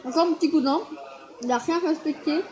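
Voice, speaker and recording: High-voiced chatty woman, noisy recording. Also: quick pace. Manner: chatty, excitable, rambling with fillers. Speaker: gaming vlogger. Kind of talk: casual screen-recorded commentary.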